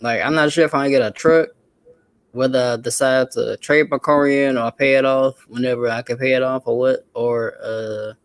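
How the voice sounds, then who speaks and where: A man's voice: mid-range voice, fairly even intonation, moderate pace, smooth, no room sound. A man joining a livestream as a guest, chatting in a laid-back, slangy way and laughing often. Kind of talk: casual chat.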